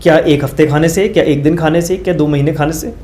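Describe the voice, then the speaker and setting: Talking fast in a slightly high, warm voice with fairly even intonation, a male doctor guests to explain research methods. He goes through numbered points with everyday examples, hesitating with fillers and mixing English phrases in. There's slight background noise.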